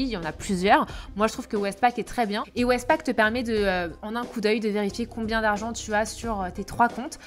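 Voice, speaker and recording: A young woman giving casual travel tips in a chatty way, with frequent hesitations. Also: medium pitch. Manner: chatty, many filler hesitations. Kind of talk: casual chat to camera.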